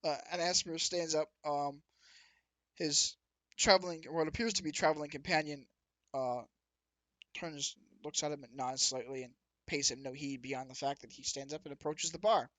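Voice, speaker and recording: A man narrating as game master of a tabletop game, often pausing to correct himself. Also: a little high, steady tone, fairly bright tone, no echo.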